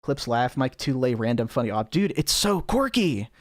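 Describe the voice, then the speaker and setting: A man's voice: mid-range voice, sing-song, moderate pace, no echo, clean studio sound. Sarcastic, profane male streamer. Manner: rambling, sarcastic, profane, with many fillers. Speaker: streamer reacting to videos. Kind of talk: casual live-stream commentary.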